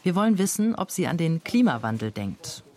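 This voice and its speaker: A documentary narrator reading a scripted voice-over in a measured, matter-of-fact way. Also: medium pitch, sing-song, mellow.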